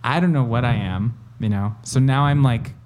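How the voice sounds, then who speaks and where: A young man from El Salvador in casual conversation, talking reflectively with many pauses and fillers. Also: mid-range voice, darkish tone. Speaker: conversation partner. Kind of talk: casual chat.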